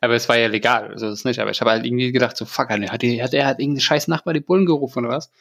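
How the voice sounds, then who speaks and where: A man's voice: medium pitch, fairly even intonation, rapid-fire, gravelly, a bit bright. A man in his thirties hosting a casual podcast, still a bit ill, telling a rambling story in slangy speech full of fillers. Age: 30s. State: recovering from illness. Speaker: podcast host.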